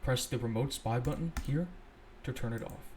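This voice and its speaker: A man's voice: medium pitch, moderate pace, a little hiss or hum. Young man thinking aloud over code. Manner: relaxed, thinks aloud, self-correcting. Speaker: scripting tutorial host. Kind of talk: casual screen-recorded coding walkthrough.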